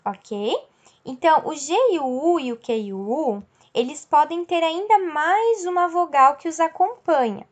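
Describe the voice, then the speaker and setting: A woman teacher explaining a lesson patiently, checking in with her class and stretching out example words. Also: high voice. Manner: slow, explanatory, checks in with "certo?" and "ok?".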